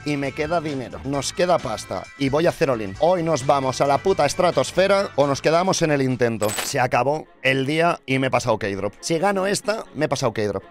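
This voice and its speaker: A young man from Spain with a Spanish accent, commentating his gaming and breaking into loud cheers, his voice going hoarse. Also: medium pitch, brisk, few pauses. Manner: excitable, bursts into loud cheering and shouting. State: losing his voice. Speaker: gaming streamer. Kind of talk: excited gameplay commentary. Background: background music.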